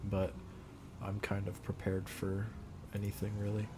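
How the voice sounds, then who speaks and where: A man's voice: on the low side, completely flat delivery, a little slow, very noisy. A man casually commentating his gameplay, thinking aloud and muttering his plans as he goes. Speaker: gamer.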